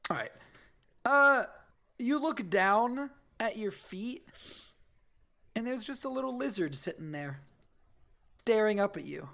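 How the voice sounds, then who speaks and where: A man's voice: high voice, expressive, takes it slowly, creaky, long pauses, bright, forceful tone. A man narrating a tabletop game as game master, describing scenes in a loose, rambling way with lots of fillers.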